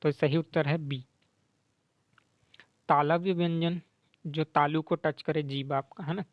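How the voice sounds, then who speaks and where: Male grammar teacher, slow and repetitive delivery, slightly higher voice, dry muffled sound. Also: fairly even intonation, dry recording. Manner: mixes English words into Hindi explanation; sounds out letters slowly to demonstrate. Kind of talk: explaining quiz answers to students.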